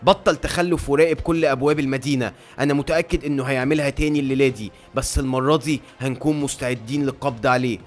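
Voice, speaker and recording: A man's voice: medium pitch, steady tone, racing, natural voice. A man doing a sarcastic, bossy colonel. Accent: Egyptian Arabic. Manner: sarcastic, commanding.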